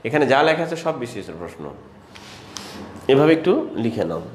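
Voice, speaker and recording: A man teaching an exam-prep lecture, asking questions and answering them himself and repeating key terms slowly. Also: mid-range voice, sing-song, slight background noise. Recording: echoey room with faint ambience.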